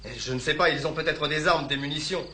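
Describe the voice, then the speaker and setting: Anxious colonial officer, stiff military formality, slightly high, sharp tone. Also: male voice, fast, slight background noise. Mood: tense. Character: nervous French colonial lieutenant, out of his depth. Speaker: army lieutenant.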